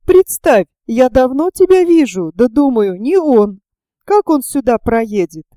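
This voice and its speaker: A woman's voice: sits high, sing-song, measured pace, mellow, dry recording, studio quality. A woman voicing a giddy, childlike, timid young woman who babbles playfully in an audiobook. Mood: gleeful. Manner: playful, babbling, easily frightened.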